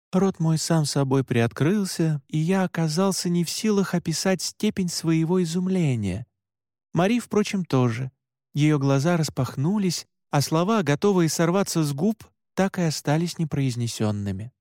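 A man narrating a first-person audiobook in an expressive, dramatic way on a close mic. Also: a little high, dry recording.

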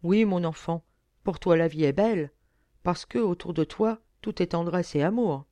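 A woman's voice: lowish voice, moderate pace, warm tone, dry recording, close to an everyday voice. A woman reading aloud, voicing a brooding young nobleman who sounds bitter and resigned.

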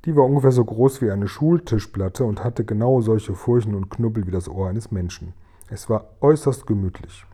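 A man reading a children's book aloud with lively, expressive storytelling. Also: fairly low pitch, normal speed, slightly rough. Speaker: reader.

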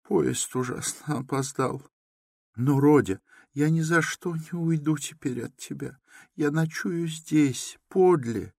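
A man reading an audiobook who voices an anxious, tearful elderly mother in a high, quavering, pleading voice. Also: takes it slowly, creaky, a little mellow, no echo, clean studio sound, full character voice.

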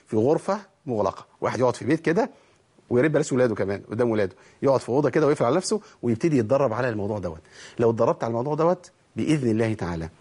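A man's voice: mid-range voice, a little mellow, breathy edge. A man with an Egyptian accent teaching Quran recitation rules, who poses questions to himself and then answers them. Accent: Egyptian Arabic. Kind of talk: spoken tajweed lesson.

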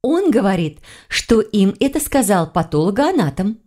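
A woman reading the part of a curious young woman in an audiobook, pitched a little higher and more animated than her narration. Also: normal speed.

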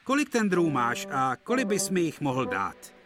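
A man's voice: fairly high pitch, wildly swooping pitch, pitched above the performer's own voice. Henry, a man doing a grumbling engine. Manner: complaining, blustery. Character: grumbling hard-working male engine. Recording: clear music behind.

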